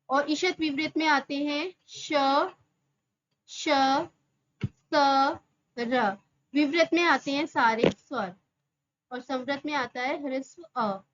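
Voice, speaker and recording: Slow, high-voiced woman teaching grammar. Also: a bit bright, muffled recording. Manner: slow, repeats terms and asks rhetorical questions. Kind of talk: exam-prep grammar lesson.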